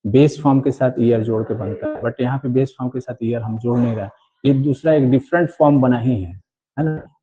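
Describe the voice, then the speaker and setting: A man teaching English grammar in an online class, repeating key points and often checking that students follow. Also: medium pitch. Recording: dull lo-fi recording.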